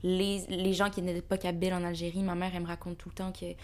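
A woman's voice: on the low side, flat delivery, fast talker, darkish tone. Emphatic woman. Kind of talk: casual panel chat.

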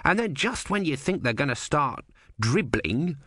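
A man's voice: a little high, very animated, measured pace, sharp tone, dry recording, pitched above the performer's own voice, full character voice. A man voicing a dry, sardonic male tortoise god who speaks in a knowing way.

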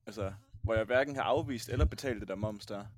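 A man's voice: lowish voice, dry recording, studio quality. A young man co-hosting a podcast in casual, informal talk peppered with swearing. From Jutland, Denmark. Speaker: podcast co-host. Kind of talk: casual chat.

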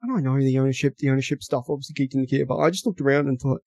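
Gravelly Australian man in football banter. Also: medium pitch, rapid-fire, a little mellow, no room sound. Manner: rambling, blunt, repeats words. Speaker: podcast contributor. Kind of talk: casual football analysis chat.

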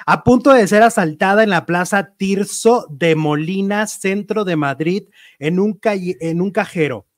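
A man with a Mexican accent hosting a casual celebrity gossip chat, lively and talkative. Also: high-pitched, measured pace, no room sound, studio quality. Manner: chatty, lively, reads viewer messages aloud. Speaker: show host.

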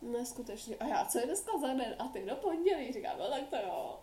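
A woman's voice: on the high side, big pitch swings, warm tone. Young woman, podcast co-host, casual slangy chat, giggly, rambling, faint background hum. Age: young adult.

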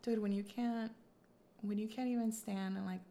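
A young woman co-hosts a casual podcast chat, giving advice in an emphatic way. She leans on "like" a lot, and her voice sits at an ordinary middle pitch. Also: steady tone, moderate pace, warm tone. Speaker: podcast co-host.

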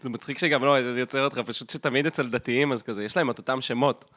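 A man's voice: mid-range voice, steady tone, a bit bright, dry recording, studio quality. An Israeli man in casual podcast conversation as a co-host, talking colloquially and insistently, often repeating himself for emphasis.

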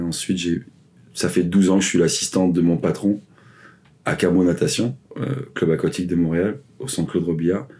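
In a casual interview, a swim coach in his forties, raised between the Ivory Coast and Paris, tells his story as a guest. His deep, mellow voice rambles along with plenty of fillers and restarts.

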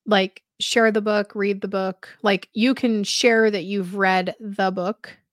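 A woman co-hosting a podcast, chatting in a relaxed way, often hesitating with filler words. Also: medium pitch, takes it slowly, dry recording, studio quality. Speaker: podcast co-host. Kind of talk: casual chat.

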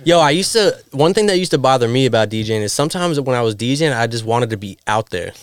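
Chill New York man, podcast host, smooth tone, dry booth sound. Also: medium pitch, animated, fast, no room sound. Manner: laid-back, lots of "yeah" and "word" backchannels. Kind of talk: casual chat.

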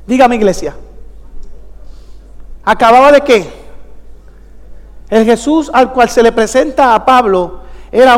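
High-voiced man preaching in an echoing church. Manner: emphatic, calls out questions to the congregation. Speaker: pastor. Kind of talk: preached sermon.

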